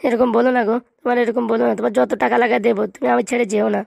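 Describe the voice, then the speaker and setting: A henpecked middle-aged husband from a Bengali comedy cartoon, voiced by a woman, pleads and whines in a gravelly voice. He has a Bengali accent and rattles his lines off very fast. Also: a little high, flat delivery, darkish tone, no echo. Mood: pleading. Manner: pleading, whining.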